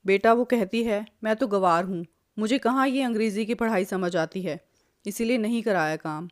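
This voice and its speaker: A woman's voice: mid-range voice, moderate pace, natural voice. A woman voicing a stern, protective older mother-in-law who lectures and scolds. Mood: sly.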